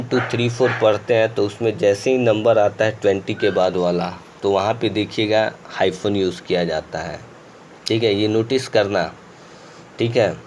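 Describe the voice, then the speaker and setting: Indian male teacher explaining grammar slowly. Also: lowish voice, a little mellow, slight background noise. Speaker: school English teacher. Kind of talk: screen-recorded grammar lesson.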